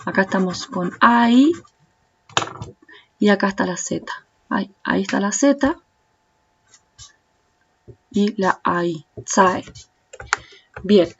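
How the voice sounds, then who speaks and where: A woman with a Rioplatense Spanish accent walks through a language lesson at an unhurried pace, patiently repeating each sound for the viewer. Her voice sits at a middle pitch. The audio is a little dull and lo-fi. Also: slight background noise. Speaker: Chinese language teacher. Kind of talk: slow step-by-step tutorial explanation.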